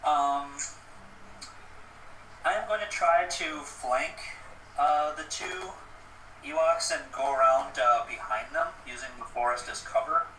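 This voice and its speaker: A man playing a tabletop game, asking measured questions about the plan. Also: fairly high pitch, bright, forceful tone, echoey room, far from the mic, a little hiss or hum, low-quality recording. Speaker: player.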